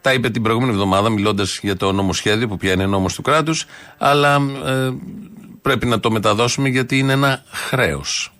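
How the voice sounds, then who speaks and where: A man hosting a radio show, giving brisk, wry mock-news commentary and signing off. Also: fairly low pitch, fairly bright tone, dry recording.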